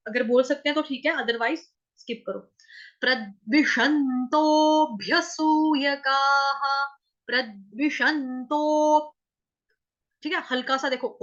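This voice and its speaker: High, bright-voiced woman teaching verse recitation. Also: lo-fi sound. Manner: explains pronunciation syllable by syllable, drawing out chanted verse slowly. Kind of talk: online recitation lesson.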